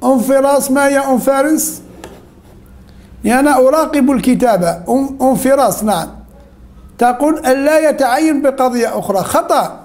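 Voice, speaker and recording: A male teacher leading an interactive class, firing questions at students, then praising or correcting their answers, and slowly repeating the key points. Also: very high-pitched, darkish tone.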